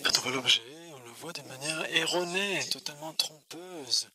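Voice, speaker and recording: A man's voice: a little high, moderate pace, crowd noise. A man giving a spoken Buddhist teaching at a retreat, asking his listeners questions and answering them himself, repeating key words for emphasis. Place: indoor retreat centre teaching room.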